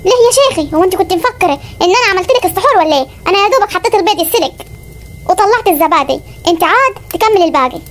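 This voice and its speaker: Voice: extremely high pitch, lively intonation, fairly bright tone. An actor voicing a bossy, scolding Upper Egyptian village mother in a comedy cartoon, with an Upper Egyptian accent. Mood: impatient. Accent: Upper Egyptian Arabic. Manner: scolding, ordering, quick threats.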